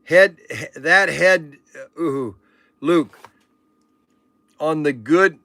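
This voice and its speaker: A man in his sixties chats loosely through a livestream, rambling and joking with his viewers. His voice sits high and bright for a man, and the sound is close and dry. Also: drawn-out words, no room sound. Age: 60s. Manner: rambling, chatty, joking with viewers and reading out chat comments. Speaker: livestream auction host. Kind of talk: casual livestream chat.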